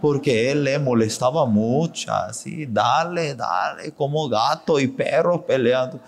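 A man's voice: medium pitch, unhurried, gravelly. A male pastor preaching a sermon with emphatic exclamations, acting out voices of the people he quotes. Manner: acts out quoted dialogue in the talk. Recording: long hall reverb.

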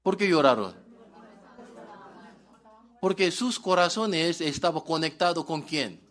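A man's voice: on the high side, lively intonation, takes it slowly, a bit bright. A male pastor preaching a sermon in broken, article-dropping Spanish, asking the congregation questions and answering them himself.

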